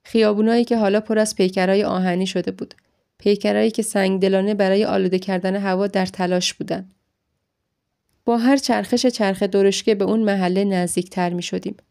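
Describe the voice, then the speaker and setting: A woman reading a first-person story aloud in a steady, emotional storytelling manner. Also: medium pitch, creaky. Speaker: audiobook narrator.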